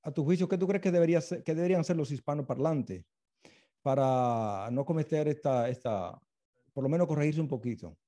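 A man's voice: fairly high pitch, brisk, mellow. A man interviewing his former teacher, speaking respectfully and hesitantly, with many fillers.

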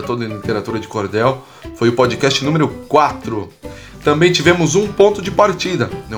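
Guy teaching on his podcast, lively and coaxing, mid-pitched voice, soft guitar music behind. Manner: lively, coaxing, repeats phrases and asks the listener questions; sing-song rhyming delivery in recited verses. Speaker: podcast host and public speaking coach. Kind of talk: podcast teaching with rhymed verse recitation.

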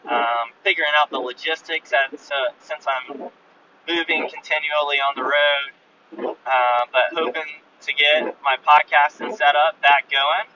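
A man's voice: on the high side, steady tone, unhurried, sharp tone. A male podcast host giving a loose, rambling road-journal update full of fillers, recorded on a phone. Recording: muffled phone recording from a distance, faint vehicle noise.

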